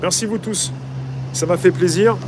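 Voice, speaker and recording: A man with a somewhat high voice reads a novel aloud and talks it over in a loose, hesitant way, full of fillers and restarts. Traffic and street noise can be clearly heard behind him. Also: moderate pace. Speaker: YouTube channel host. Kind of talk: reading a novel aloud and commenting. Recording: noisy with traffic outside.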